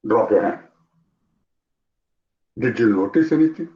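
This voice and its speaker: A man with an Indian English accent, teaching an online yoga class, talking in an animated way, repeating phrases and asking his students questions. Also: on the low side, unhurried. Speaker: yoga instructor. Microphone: video call. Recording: roomy, dull lo-fi video call audio.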